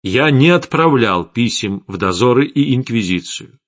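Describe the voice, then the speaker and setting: A man's voice: mid-range voice, animated, normal speed, fairly bright tone, natural voice. A man doing an imperious, wrathful old mage. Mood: stern. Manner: commanding, accusing, sharply rising. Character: imperious ancient male light mage, wrathful. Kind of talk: audiobook character voice. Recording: slightly dull lo-fi audio, faint music.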